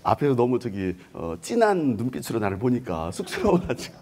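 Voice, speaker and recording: A male pastor preaching a revival sermon at a university chapel, animated and playful with the crowd, often breaking into shouts. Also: medium pitch, brisk.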